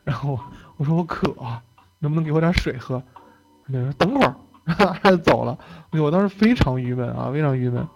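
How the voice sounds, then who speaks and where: A man's voice: a little high, brisk, darkish tone, low-quality recording. A young man giving a lecture in a casual storytelling way. He talks in a chatty manner, laughs often and tags his phrases with "OK" and "right?". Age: young adult.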